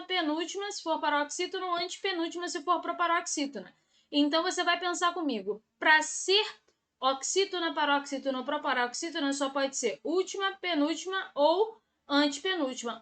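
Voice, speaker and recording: High bright-voiced Brazilian woman teaching. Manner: upbeat, chatty, drawn-out teaching emphasis. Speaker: Portuguese teacher. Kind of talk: exam-prep video lesson.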